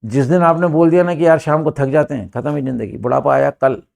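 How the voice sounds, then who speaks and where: Older man, Indian accent, gravelly, slightly high voice, emphatic classroom teacher. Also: quick pace, a little mellow. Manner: emphatic, rhetorical questions. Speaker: English teacher. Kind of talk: classroom lesson.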